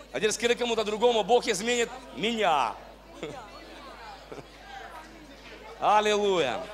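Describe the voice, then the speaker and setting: Fervent high-voiced man leading worship. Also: a bit bright. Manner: fervent, exclaiming praise, then earnest exhortation. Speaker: worship leader and church host. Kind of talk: worship leading and sermon-style welcome. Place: large church hall stage with band. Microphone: handheld mic.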